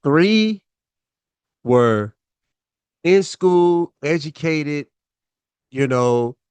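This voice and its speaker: A man's voice: fairly high pitch, lively intonation, drawn-out words, darkish tone, smooth, dry recording. A man hosting his own show, telling a personal story in a laid-back, chatty way with lots of fillers.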